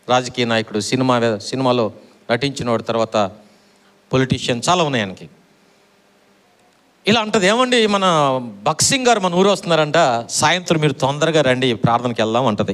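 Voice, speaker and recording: A man's voice: mid-range voice, a bit bright. A middle-aged man preaching a sermon, repeating his phrases and quizzing the congregation for answers. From Andhra Pradesh, India.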